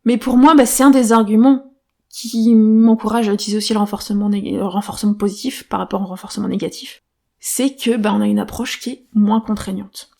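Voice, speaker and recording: A woman's voice: medium pitch, gravelly, dark tone, breathy edge. A woman hosting her own podcast, explaining ideas in a casual, thinking-aloud way with frequent fillers and restarts. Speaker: podcast host. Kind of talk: solo podcast talk.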